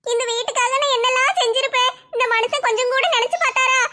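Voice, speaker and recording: A woman's voice: very high voice, fairly even intonation, fast, bright, forceful tone. A woman playing an aggrieved young wife who pleads and complains in a family drama skit. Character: hurt, stubborn young wife, a daughter-in-law.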